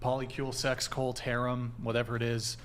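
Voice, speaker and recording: A man hosting a podcast who puts questions to his guests in a brisk, methodical way. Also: medium pitch, level tone, crowd noise. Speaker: podcast host. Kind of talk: podcast interview.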